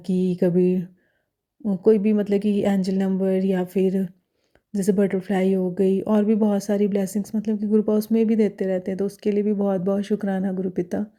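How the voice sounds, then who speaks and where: A young woman sharing devotional experiences in casual talk, hesitant, with many fillers and pauses. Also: mid-range voice, mellow.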